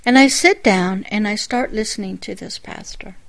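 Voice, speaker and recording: A woman pastor giving a sermon-style personal testimony, telling the story in a reflective way with quiet asides. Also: medium pitch, normal speed, gravelly.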